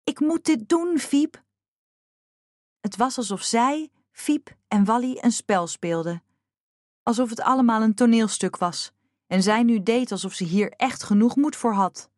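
A woman narrating a children's audiobook in a measured, expressive reading. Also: a little high, dry recording, studio quality. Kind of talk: scripted storybook narration.

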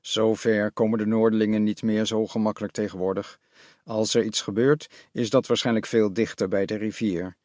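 A man reading a story aloud, giving the lines of a calm father in a low, steady voice. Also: normal speed, no echo, clean studio sound, close to an everyday voice. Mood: reassuring.

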